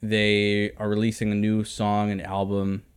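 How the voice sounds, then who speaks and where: A man's voice: on the low side, monotone, unhurried, clear, resonant tone. A young man co-hosting a casual podcast, talking in a laid-back, slangy way. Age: young adult. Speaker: podcast co-host. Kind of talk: casual chat.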